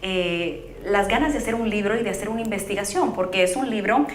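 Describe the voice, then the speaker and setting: A woman hosting a talk show, asking curious, lively questions. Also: mid-range voice, a little fast, roomy sound, slight background noise. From Guatemala.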